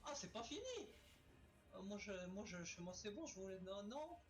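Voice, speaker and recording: Excitable man yelling over gameplay. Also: high-pitched, moderate pace. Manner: excitable, exclaiming, swearing at enemies. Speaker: let's play gamer. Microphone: webcam's built-in microphone.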